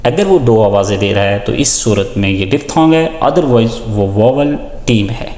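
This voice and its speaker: A man teaching a lesson with on-screen examples, deliberately listing and repeating example words. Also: lowish voice, animated, a little mellow. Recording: echoey, reverberant room.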